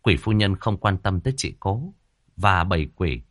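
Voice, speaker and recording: A man narrating an audiobook story in a lively storytelling manner. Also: deep voice, moderate pace, no room sound, studio quality.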